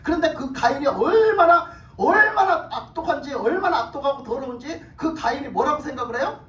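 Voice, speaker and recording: A woman pastor preaching a sermon, emphatic and animated, putting questions to the congregation and often laughing. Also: high voice, brisk. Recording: echoey hall from far off.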